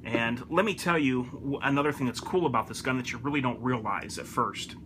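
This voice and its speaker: Fairly quick and mid-range, this man's voice carries a casual review to camera as a gun-hobbyist presenter. He keeps it loose and repeats himself to stress his points, with the background noisy throughout.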